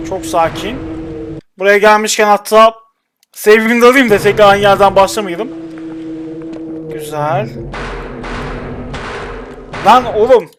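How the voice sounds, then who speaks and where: Young guy, highish voice, chatting thru a game and grumbling at it, game music going underneath. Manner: chatty, mutters to himself and the game characters. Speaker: gaming channel host. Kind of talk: let's play commentary. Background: game music and sound effects.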